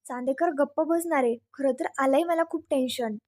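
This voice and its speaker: A woman's voice: high voice, normal speed, a little mellow, close to an everyday voice. A woman voicing a feisty young wife who answers back snappily while nervous. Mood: defiant. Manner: snappy, defensive.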